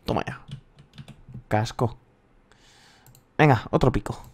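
Spanish man, thirties, Castilian accent, excitable gameplay commentator with a mid-pitched voice and faint noise. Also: slow. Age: 30s. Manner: excitable, swears freely, rambling. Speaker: gaming youtuber.

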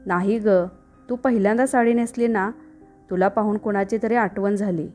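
A woman's voice: mid-range voice, fairly even intonation, normal speed, a little mellow, faint music behind, close to an everyday voice. A woman doing a humble, tender mother. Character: humble, devout, simple middle-aged mother.

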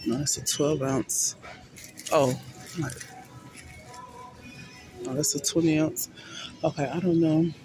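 Her voice is low and fairly even, slow, with frequent pauses; music plays in the background and the recording is rough. She's a mom vlogger in her forties chatting sleepily and folksily about budget shopping, addressing viewers as "y'all" and "baby," shot on a handheld phone camera in a parked car and later a big-box store.

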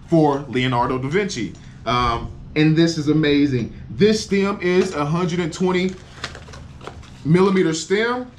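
A man in his forties talking casually to camera in an outdoor unboxing vlog, enthusiastic and exclaiming over each part. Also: on the high side. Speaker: cycling vlogger. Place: outdoors against a building wall.

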